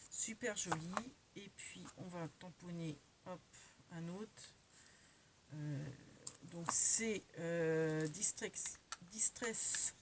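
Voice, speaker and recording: A woman's voice: lowish voice, a little hiss or hum. A woman casually showing her craft-supply purchases in a chatty, hesitant way, correcting herself often. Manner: chatty, many fillers and self-corrections. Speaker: crafting vlogger.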